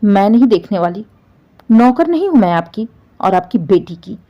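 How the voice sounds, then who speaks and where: A woman's voice: medium pitch, big pitch swings, normal speed, highs cut off, natural voice. A woman voicing a young daughter-in-law who answers back coldly, defiantly and sarcastically.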